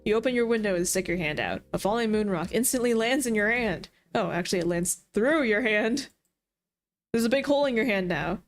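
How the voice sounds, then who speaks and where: A woman's voice: medium pitch, expressive, brisk, faint music behind. Woman narrating a game, dry delivery. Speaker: streamer reading a visual novel aloud.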